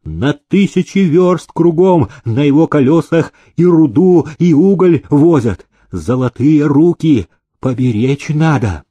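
A man's voice: on the high side, animated, takes it slowly, mellow, husky, dry recording, pitched above the performer's own voice, full character voice. A man doing an ardent village priest. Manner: ardent, urgent. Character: tall bony male village priest, ardent.

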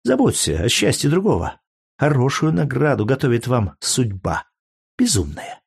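A man's voice: mid-range voice, sing-song, normal speed, creaky, slightly rough, no room sound, studio quality, pitched above the performer's own voice, full character voice. A man reading aloud and voicing a jealous, scornful young Greek courtesan with a biting, mocking manner.

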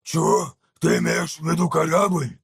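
A man voicing a brutish, bossy male ork mechanic in an audiobook, with a rough, raspy voice and loud bursts of shouting. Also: a little high, steady tone, full character voice. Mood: shouting orders. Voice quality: gravelly, raspy. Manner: barking, shouting in slow drawn-out bursts.

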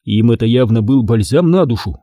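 A man narrating a children's storybook in an expressive reading. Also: medium pitch, a little fast, dry recording, studio quality. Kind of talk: audiobook narration.

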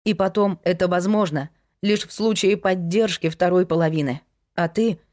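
A woman's voice: on the low side, moderate pace, darkish tone, lightly acted. A woman reading a resolute young woman. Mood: firm.

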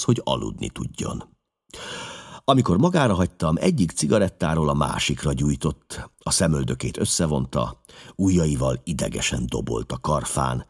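Male storybook narrator, deep voice, husky texture, measured and expressive. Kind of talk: audiobook narration.

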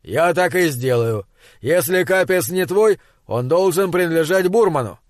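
A man's voice: on the high side, lively intonation, normal speed, no room sound, lightly acted. An exasperated male spaceship captain, shrewd and bossy, pressing his crew with a raised, impatient voice, as a man reads him. It comes across as a dry, close audiobook read. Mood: businesslike. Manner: impatient, shouting when pressed.

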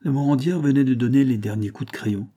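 Man, audiobook narration, measured, dark mellow tone, husky. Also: medium pitch.

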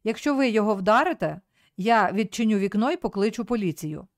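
A woman reading aloud voices a quiet, stubborn young male clerk who speaks firmly and with restraint. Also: medium pitch, lively intonation, brisk, dry recording, studio quality, close to an everyday voice. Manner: firm, restrained.

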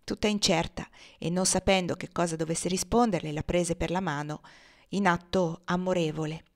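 A woman from Italy reading a classic novel aloud in a measured, expressive storytelling voice. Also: lowish voice. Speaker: reader.

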